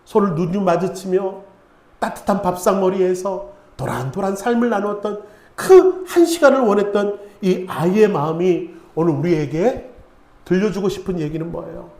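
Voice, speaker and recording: A middle-aged male pastor delivers a sermon, weaving in stories and asking rhetorical questions. His voice sits fairly high. The recording carries the echo of a church sanctuary. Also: normal speed, a little mellow. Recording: echoey church hall.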